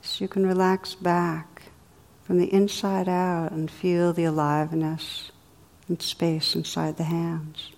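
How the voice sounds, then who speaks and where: A woman leading a guided meditation in a soothing, unhurried way, with soft, drawn-out phrasing. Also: fairly low pitch, little pitch movement, gravelly. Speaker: meditation teacher.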